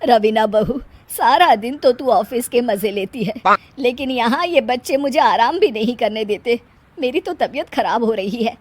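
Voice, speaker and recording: A woman's voice: fairly high pitch, lively intonation, normal speed, darkish tone. Woman as a grumbling older mother-in-law. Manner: grumbling, wry. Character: weary, nagging older mother-in-law with a soft heart.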